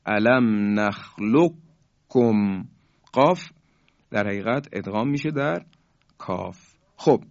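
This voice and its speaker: A man giving a calm radio lesson on recitation rules, stretching the example words out slowly. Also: mid-range voice, dry recording, lo-fi sound. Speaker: Quran recitation teacher on radio.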